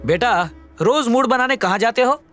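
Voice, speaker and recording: An actor dubbing a calm, caring father who reasons with gentle sarcasm, heard over film music. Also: extremely high pitch, moderate pace. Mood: wry. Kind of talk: Hindi film dub acting. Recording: film soundtrack with music under dialogue. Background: film score music.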